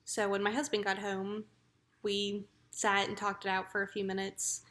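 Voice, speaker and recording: Woman vlogger with an even pitch. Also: moderate pace. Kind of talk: casual personal vlog.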